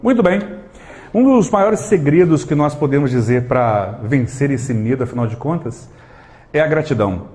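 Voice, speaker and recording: A man with a Brazilian Portuguese accent giving a live motivational talk to an audience, animated and full of rhetorical questions, acting out little scenes. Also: medium pitch, normal speed. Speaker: motivational speaker.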